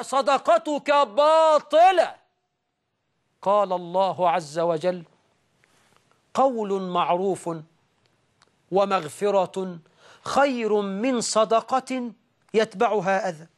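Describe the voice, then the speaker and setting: A high-pitched male preacher with an Egyptian accent. He stretches recited passages out slowly, then breaks into sharp, raised exhortations. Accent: Egyptian Arabic. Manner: dramatic swings, slow drawn-out recitation and sudden raised outbursts. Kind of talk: sermon.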